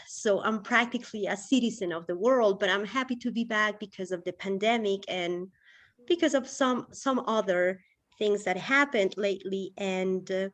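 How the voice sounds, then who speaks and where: Chatty woman from Ecuador, unhurried guest speaker. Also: medium pitch, a bit bright. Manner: chatty, many fillers. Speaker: writer guest. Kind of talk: online panel talk.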